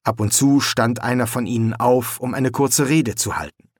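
A man reading an audiobook in a measured, expressive storybook narration. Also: mid-range voice, no echo, clean studio sound.

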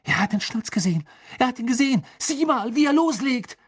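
Man reading teenage boy hero, eager, breathless, raised pitch, storybook. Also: big pitch swings, brisk, husky, no echo, studio quality, full character voice. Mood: cheering.

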